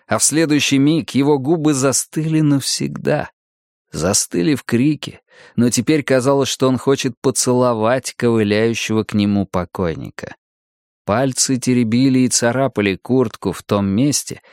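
A man narrating a horror story in a dramatic, tense reading that drops to hushed tones and rises with alarm. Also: mid-range voice, dry recording, clean studio sound. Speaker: audiobook narrator.

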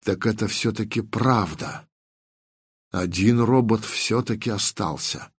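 A man reading the part of an awed, cautious male explorer in an audiobook, speaking in a hushed, muted way. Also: lowish voice, normal speed, no room sound, clean studio sound, close to an everyday voice.

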